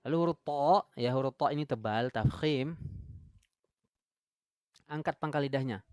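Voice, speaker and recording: A man gives an online recitation lesson, walking through letters one by one. His voice sits in a middle register, recorded close and dry with no room sound. He repeats syllables slowly and often turns to quiz the viewers. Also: mid-range voice, a little mellow, clean tone, no room sound. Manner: explains step by step, drills syllables slowly, asks viewers questions. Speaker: Quran recitation teacher.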